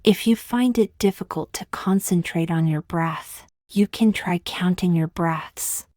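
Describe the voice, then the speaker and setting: In a scripted meditation for beginners, a woman guides the listener in a soft, breathy, slightly low voice that sometimes drops almost to a whisper. She is gentle and soothing and leaves long pauses. There's no room echo; the sound is dry.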